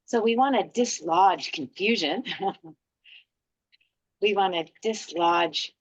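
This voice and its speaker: A woman teaching a qigong class, guiding breathing and healing sounds in a gentle, encouraging way. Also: medium pitch, slow pace, dry recording, dull audio. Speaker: qigong instructor.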